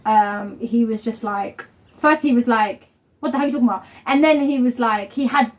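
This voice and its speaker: With a slightly high voice at normal speed, she chats away as host of a relaxed at-home couple vlog. The young woman, of Somali family, rambles freely, laughing often and using plenty of fillers.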